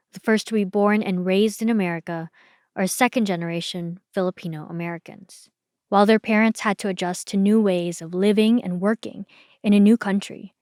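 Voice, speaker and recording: A woman hosting a podcast, reading a scripted documentary narration in a measured, explanatory way. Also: medium pitch, darkish tone, no room sound, clean studio sound. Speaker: podcast host.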